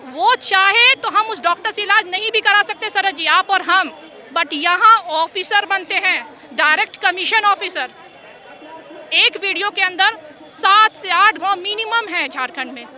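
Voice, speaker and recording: A woman's voice: very high voice, bright, forceful tone. A woman in her forties, an exam candidate, making an emotional, indignant plea in a street interview outdoors. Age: 40s. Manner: pleading, indignant.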